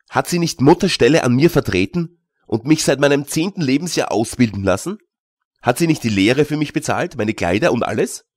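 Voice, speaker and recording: A man's voice: mid-range voice, no echo, lightly acted. A man reading an audiobook, voicing an anxious teenage goldsmith apprentice who turns fiercely indignant. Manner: fearful, then fiercely indignant.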